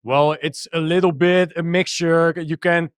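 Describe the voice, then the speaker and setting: Dutch guy talking techno, kinda high voice, lots of uhs and restarts. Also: steady tone, measured pace, clean tone, no room sound. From Netherlands. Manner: hesitant, many restarts and fillers. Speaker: DJ and techno producer. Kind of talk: casual interview.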